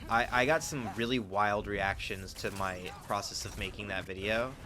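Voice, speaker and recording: Give me a chatty male streamer with a low-ish voice. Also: normal speed, noisy background. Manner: candid, chatty, swears freely. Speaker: speedrunner and streamer. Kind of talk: casual gameplay commentary.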